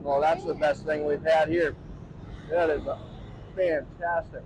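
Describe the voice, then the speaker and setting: A middle-aged man hosts a food vlog, chatting about the food in a casual, enthusiastic, plain-spoken way. His voice sits on the high side, with a flat delivery and a measured pace. He's outdoors on a city street at night, and the recording clearly picks up street noise and passing vehicles.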